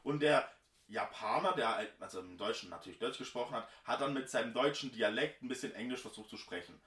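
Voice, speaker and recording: A man's voice: mid-range voice, fairly quick, fairly bright tone. Rambling young man in an echoey room. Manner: rambling, hesitant, lots of fillers. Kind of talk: casual chat. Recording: echoey room, mic at a distance.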